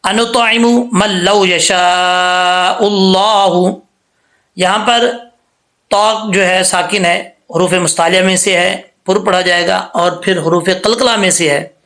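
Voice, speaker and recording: A man teaching tajweed rules step by step, patient and repetitive, often checking "theek hai?" and slowing down to recite the examples. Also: sits high, fairly even intonation, sharp tone. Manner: slows to drawn-out recitation for examples.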